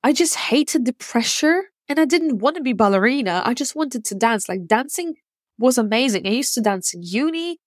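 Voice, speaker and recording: A Ukrainian-born woman in her thirties who grew up in Russia hosts a podcast, delivering a candid, reflective personal monologue full of musing, fillers and restarts. Her voice is on the high side and expressive, at a moderate pace, recorded dry with clean studio sound.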